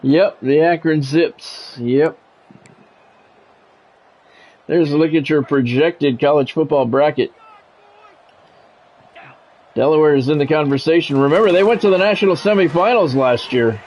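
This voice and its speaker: This low-quality recording captures a man with a slightly high, darkish voice who talks a bit slowly and pauses often. He's streaming a sports video game, flipping between play-by-play calls and easygoing asides to viewers.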